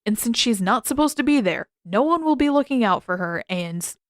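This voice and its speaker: A woman's voice: a little high, expressive, moderate pace, dry recording, clean studio sound, natural voice. Woman voicing Sokka, an exasperated, blunt teenage boy. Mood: reluctant, earnest. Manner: casual, exasperated, emphatic. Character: irritable, blunt, sarcastic teenage boy, reluctantly protective.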